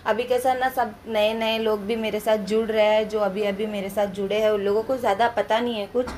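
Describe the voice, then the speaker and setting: A young woman from India giving a chatty, loud voice-over for her home family vlog. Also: mid-range voice, little pitch movement, fairly quick, a little hiss or hum. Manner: talks loudly and chattily to viewers. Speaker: family vlogger. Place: at home, indoors.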